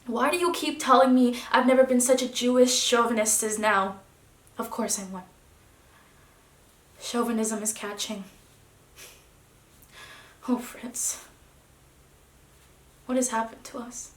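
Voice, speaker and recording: Woman acting out a dignified wife walking out, fairly high voice, restrained then sinking quiet, echoey room. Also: steady tone, measured pace, long pauses, lightly acted. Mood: bitter. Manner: restrained, dropping to hushed tones, then rising. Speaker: actor. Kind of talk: theatrical stage monologue.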